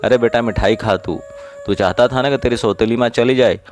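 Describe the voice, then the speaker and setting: A man's voice: medium pitch, fairly quick, a little mellow, faint music behind, voice pushed up, close to an everyday voice. A man voicing a stern, short-tempered father who scolds his son in a narrated story. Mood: sarcastic.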